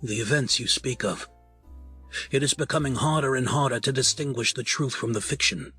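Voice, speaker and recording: In an audio drama, a man plays a proud, dignified crime family patriarch, speaking formally with measured gravity. His voice is medium-pitched, bright, and forceful.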